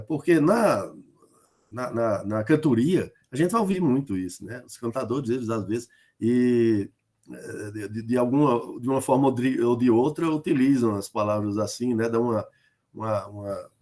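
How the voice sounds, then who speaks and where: A man's voice: medium pitch, darkish tone. A male lecturer from Northeast Brazil giving an online class, hesitant and full of fillers and tag questions, explaining through spoken examples. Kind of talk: online lecture on rhyme in folk poetry.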